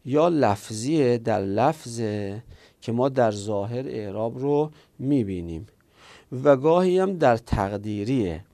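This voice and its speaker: A man with a gravelly, creaky voice teaches grammar in an explanatory lesson. He moves through each point step by step. He poses questions and answers them himself, the way a patient teacher does. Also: medium pitch, dark tone. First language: Persian.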